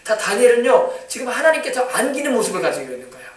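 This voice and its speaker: A man's voice: extremely high pitch, sing-song, rapid-fire, roomy sound, recorded from a distance. A male pastor preaching a sermon in a conversational way, acting out what parents and children would say. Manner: conversational preaching with acted-out family quotes. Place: church sanctuary.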